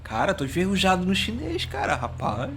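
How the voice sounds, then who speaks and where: A man's voice: sits high, huge pitch swings, brisk, gravelly, fairly bright tone, slight background noise. A man hosting a casual comedic language video. He rambles, mocks himself, and keeps stumbling over words he can't remember. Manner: rambling, self-mocking, stumbles and searches for words.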